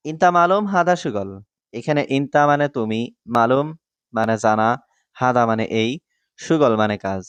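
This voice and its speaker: A man reading out a scripted language lesson, repeating each phrase and explaining it word by word in a measured way. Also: medium pitch, clean tone, no room sound. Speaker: language teacher.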